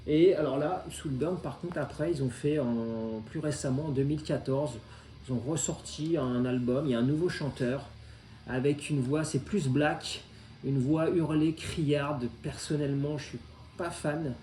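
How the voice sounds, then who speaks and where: Mellow-voiced man chatting in an echoey room. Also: on the high side, steady tone, a little slow. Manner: hesitant, many filler sounds, enthusiastic. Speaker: record collector. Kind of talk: casual chat presenting vinyl records. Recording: roomy echo.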